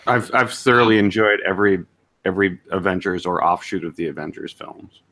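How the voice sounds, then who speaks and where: A man's voice: low-pitched, brisk, sharp tone. A man chatting casually on a stream, dropping dry joking asides. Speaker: stream chat guest.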